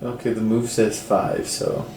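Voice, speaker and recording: A man's voice: fairly low pitch, big pitch swings, unhurried, gravelly, a little mellow. A man running a tabletop game as game master, narrating casually with fillers. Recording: roomy echo, faint background noise.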